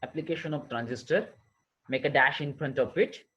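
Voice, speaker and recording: A lecturer slowly dictates engineering notes, repeating each term so his class can write it down. His voice sits a little high for a man. The audio is dull and lo-fi, like an online class. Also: a bit bright, slightly rough. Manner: slow, repetitive dictation, switching between English and Marathi.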